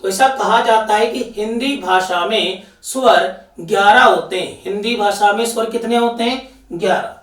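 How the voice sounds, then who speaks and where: A man's voice: sits high, normal speed, fairly bright tone, far from the mic. A male teacher giving a classroom lecture, asking questions and repeating the answers to drill them in. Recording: echoey room, voice off-mic.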